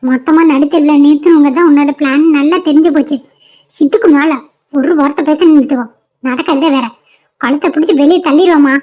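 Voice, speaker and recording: A woman's voice: high-pitched, steady tone, a little fast, mellow, muffled recording, close to an everyday voice. A woman voicing a stern, angry mother in a cartoon, scolding harshly. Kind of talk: cartoon voice acting.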